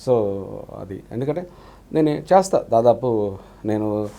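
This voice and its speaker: A man's voice: mid-range voice, lively intonation, measured pace, dark tone. A man, an actor being interviewed, talking earnestly and politely with frequent restarts. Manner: earnest, calls the host "sir" constantly, frequent restarts. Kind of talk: casual interview talk.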